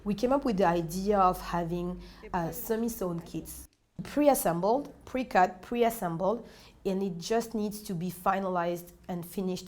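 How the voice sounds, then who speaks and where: This is a fairly low, slightly mellow woman's voice. She is a twenty-something entrepreneur from Senegal, interviewed for a documentary in a clothing shop, and she speaks earnestly, frequently correcting herself and starting her sentences over.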